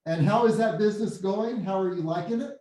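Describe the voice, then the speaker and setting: A man's voice: high voice, dark tone. Man with a hollow, cave-like echo. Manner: casual, halting, repeats words. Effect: hollow cave-like echo, as if speaking in a hole. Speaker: meeting host. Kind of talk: casual meeting chat. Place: meeting room with windows and blinds. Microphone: computer mic set back from the speaker. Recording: very echoey room, far from the mic.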